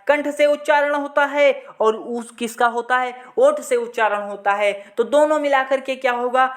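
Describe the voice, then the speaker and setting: High-pitched woman drilling exam lessons. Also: fairly bright tone. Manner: repetitive question-and-answer drilling. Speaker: exam prep teacher. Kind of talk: classroom lesson.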